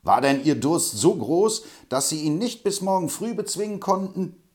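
A man reading an audiobook, voicing a calm, stern frontier hero who speaks firmly and commandingly. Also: high voice, moderate pace, voice pushed up. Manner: firm and commanding.

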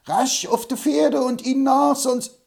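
A man reading an audiobook, voicing an excitable, boastful older man who gets angry fast and speaks shrill and loud. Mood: agitated.

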